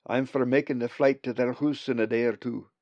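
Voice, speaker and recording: Guy putting on a chirpy scottish raven, old and kindly, gravelly, dull dry audio. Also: mid-range voice, fairly even intonation, a little fast, a little mellow, no echo, lightly acted. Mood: cheerful. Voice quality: broad brogue, cheerful.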